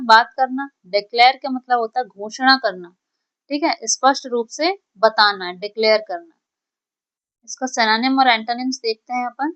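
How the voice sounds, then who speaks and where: A woman English teacher giving an exam-prep vocabulary lesson, repeating each word and asking what it means, with a steady check-in of "okay?". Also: on the high side. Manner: keeps checking in with "ठीक है" and "है ना". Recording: slightly dull, lo-fi recording.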